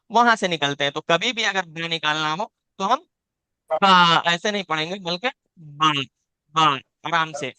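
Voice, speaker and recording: Bright, clear-voiced male Quran teacher. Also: high voice, no room sound. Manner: patient, repeats points, demonstrates each sound aloud. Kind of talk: live online class, teaching letter sounds. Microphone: video call.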